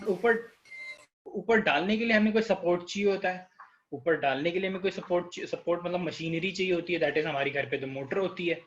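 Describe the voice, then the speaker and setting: Soft music plays behind an Indian-accented biology tutor whose high voice moves briskly through an online lecture. He blends Hindi into his English and poses questions to the class. The recording's highs are cut off.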